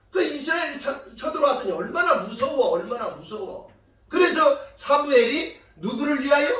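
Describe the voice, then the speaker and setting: A woman pastor preaching a sermon in a lively storytelling way, often putting questions to the congregation and rising to loud emphasis. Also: sits high. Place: church sanctuary. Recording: echoey church hall from far off.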